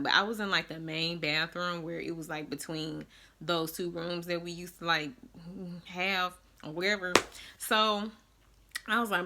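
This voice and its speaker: A woman's voice: on the low side, sharp tone. A woman vlogger telling a personal story to her viewers, casual and dramatic, often calling them "y'all".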